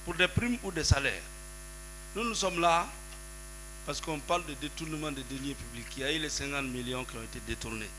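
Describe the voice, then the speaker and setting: Persistent bright-voiced male lawyer. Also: medium pitch, fairly quick, slight background noise, low-quality recording. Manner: persistent, repeats pointed questions. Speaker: lawyer cross-examining. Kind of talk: cross-examination. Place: courtroom.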